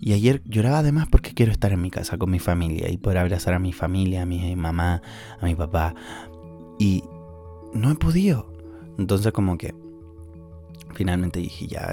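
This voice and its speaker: A Chilean man in his early twenties, with a deep, mellow voice, hosts a casual podcast monologue. He talks candidly and emotionally about stress and anxiety, swinging between laughter and tears, while faint music plays behind him.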